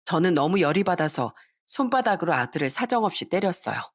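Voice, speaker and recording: A woman's voice: fairly low pitch, very animated, a little fast. A woman narrating a scripted story as a radio-style first-person account.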